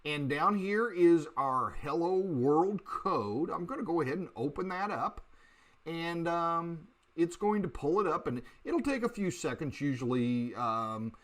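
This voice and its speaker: Guy explaining code to beginners, lots of ums, pitch jumps all over, desk mic. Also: lively intonation. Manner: halting, many uh and um fillers, restarts. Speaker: programming teacher. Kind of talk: screen-recorded coding lesson.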